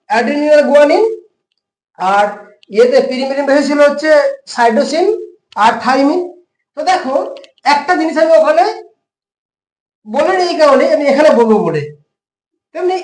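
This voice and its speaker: High-voiced Bengali teacher in an echoey room. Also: female voice. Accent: Bengali, West Bengal. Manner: explains step by step, asks questions and answers them herself. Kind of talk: classroom science lesson.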